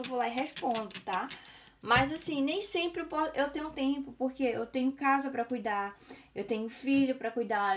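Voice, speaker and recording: Frank Brazilian woman venting to viewers. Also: on the high side. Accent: Brazilian Portuguese. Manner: frank, exasperated, addresses viewers as "gente". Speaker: crochet artisan vlogger. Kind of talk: casual vlog monologue.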